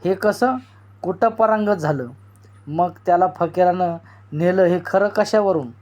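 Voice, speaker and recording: An older village man, quick to anger, snaps back with sharp retorts as a storyteller acts him out. It is a storybook reading on a dull, lo-fi recording. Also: mid-range voice, natural voice. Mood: scornful.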